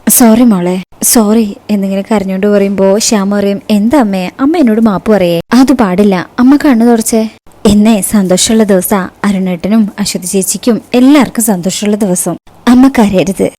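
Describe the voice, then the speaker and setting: A woman narrates a TV serial episode in a casual recap. Her voice is warm and mellow at a middle pitch. She moves steadily through the plot and voices the characters' quoted dialogue as she goes. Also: moderate pace. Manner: recounts scenes, quoting each character in turn.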